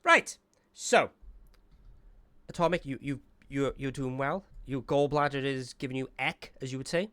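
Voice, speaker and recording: A man's voice: mid-range voice, pushed and bright, clean tone, no echo. A man hosting a livestream, chatty and teasing with his guests, heard through his livestream headset microphone. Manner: chatty, teasing, quick to laugh. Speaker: livestream host. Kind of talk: casual chat with guests.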